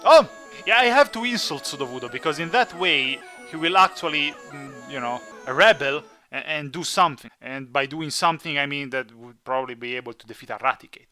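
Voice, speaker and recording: Bright, animated male gamer commentating. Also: fairly high pitch, brisk, soft background music. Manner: playful, teasing, talks to the game characters. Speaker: gaming video host. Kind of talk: casual Let's Play commentary.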